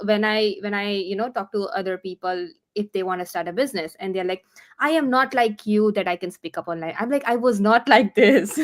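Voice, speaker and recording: A woman hosting a casual live online interview, earnest and encouraging, often restarting her sentences. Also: medium pitch. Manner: halting, with many restarts and fillers. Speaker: host.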